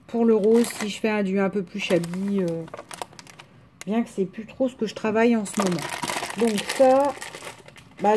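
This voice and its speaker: A woman with a rural French accent talks casually to her viewers at home, rambling and restarting her sentences. Her voice is mellow and dark. A faint hiss sits under the recording. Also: mid-range voice. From France. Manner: chatty, rambling, frequent hesitations and restarts. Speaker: vlogger showing a craft haul.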